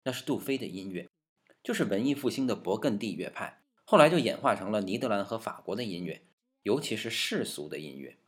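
A man's voice: lowish voice, animated, a little fast. A man hosting a music history lesson, explaining in a playful, jokey way and talking to his piano. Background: piano playing.

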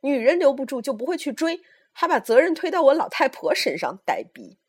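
A woman reader puts on a fierce old lady close to seventy, raising her voice and lashing out at the young people around her. She scolds loudly and keeps shouting as she lectures them in this read-aloud story. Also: medium pitch, lively intonation, moderate pace, breathy edge. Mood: scolding. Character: fierce sharp-tongued woman near seventy.

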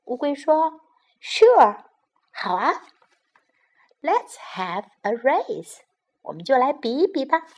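A steady, proud storybook turtle, as a woman puts him on. The lines come slowly, first in English and then in Chinese, with a slightly gravelly voice. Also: high voice, full character voice. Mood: earnest.

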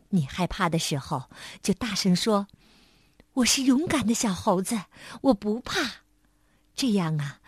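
A woman voicing a gentle, caring mother monkey in a storybook, soft and soothing. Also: breathy edge, no room sound, studio quality. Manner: soft, low and soothing, partly hushed.

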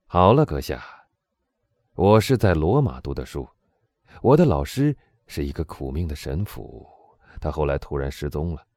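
A man playing a cool, measured Englishman. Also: extremely low pitch, very animated, darkish tone, no echo, studio quality. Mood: probing. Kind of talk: audiobook dialogue reading.

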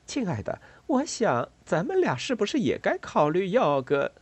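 A sweet, affectionate lady bat from a children's story, as a man puts her on, cooing soft and high. The pitch wanders lively, and the sound stays dry. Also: moderate pace, husky, dry recording, heavily acted.

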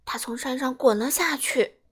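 A woman's voice: high voice, normal speed, husky. A woman reading a children's picture book aloud as storyteller, acting out the animals. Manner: animated, acts out each animal.

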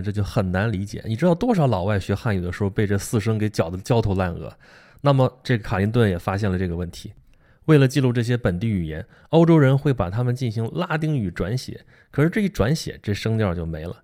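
A man's voice: medium pitch, dark tone. A man giving a casual spoken lecture about a book, often asking the listener rhetorical questions. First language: Mandarin Chinese. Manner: conversational, asks rhetorical questions. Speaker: book explainer.

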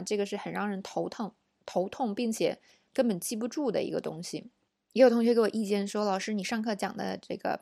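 Woman, pronunciation teacher, gravelly voice, dry close sound, slow repeated examples. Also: medium pitch, darkish tone, no room sound. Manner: explains slowly, models words several times. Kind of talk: audio lesson.

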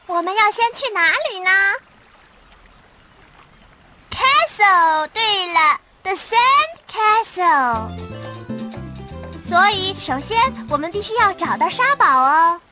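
A woman's voice: extremely high pitch, lively intonation, takes it slowly, over music, full character voice. A woman voicing a cheerful, encouraging little girl explorer in a children's cartoon, emphatic as she leads young viewers. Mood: inquiring. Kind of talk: children's cartoon dub acting.

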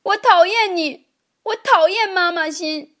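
A woman's voice: low-pitched, a little slow, a bit bright, pitched below the performer's own voice. A woman voicing a lonely, defiant little boy in a storybook, with a petulant, childlike manner. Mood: angry.

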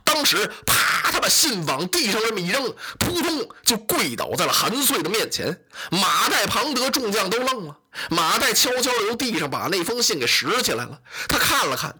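Traditional storyteller, dramatic and declaiming, lively swings, sharp forceful tone. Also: mid-range voice, breathy edge.

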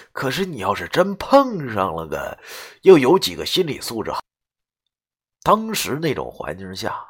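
A man telling a live horror-comedy story, dramatic and swinging between hushed and loud. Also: mid-range voice, husky.

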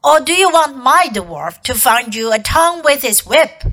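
A woman's voice: high voice, very animated, moderate pace, fairly bright tone. A woman doing a cruel, commanding witch queen. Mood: cold scorn. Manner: commanding, contemptuous. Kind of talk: storybook reading.

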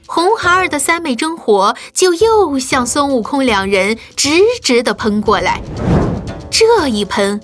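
Woman, storyteller, children's tale, lively, fairly high voice. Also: a little slow. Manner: lively, expressive narration. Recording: faint music behind.

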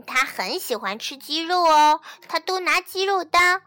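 Woman shouting as two bratty wolf cubs. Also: mid-range voice, big pitch swings, measured pace, husky, no room sound, faint music behind, exaggerated voice. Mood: defiant taunting. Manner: loud, taunting shouts. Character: two rude boastful little wolf cubs.

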